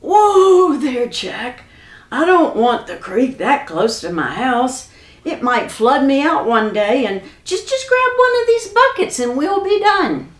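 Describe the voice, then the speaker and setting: Here is a big, gruff, boastful giant with folksy country talk, as a woman reading a story puts him on. The delivery is unhurried and sits fairly high, and the voice carries in an echoey room. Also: very animated, full character voice.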